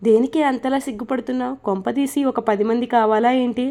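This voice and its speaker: A woman's voice: on the high side, fairly even intonation, a little fast, dark tone, natural voice. A woman reading as a teasing young husband. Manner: playful, coaxing storytelling delivery.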